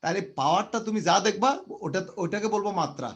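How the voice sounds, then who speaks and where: Male tutor from Bangladesh, somewhat high voice, online lecture, drills terms over and over, drops in English words. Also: lively intonation, fast. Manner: repeats terms, asks and answers own questions; mixes English words into speech. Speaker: physics tutor. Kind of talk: live online class lecture.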